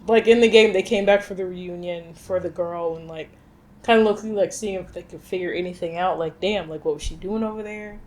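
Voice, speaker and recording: A low-leaning, brisk female voice belongs to a film review co-host. She is casual and strongly opinionated, speaking in an animated, slangy way with occasional swearing.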